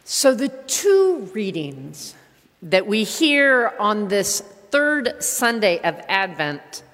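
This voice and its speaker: A woman pastor giving a sermon, playful and animated, with voiced asides. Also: mid-range voice. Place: church. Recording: church hall reverb.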